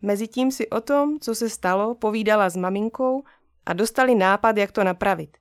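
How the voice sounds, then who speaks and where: A woman narrating a children's storybook aloud in a gentle, unhurried way. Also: mid-range voice, no echo, clean studio sound.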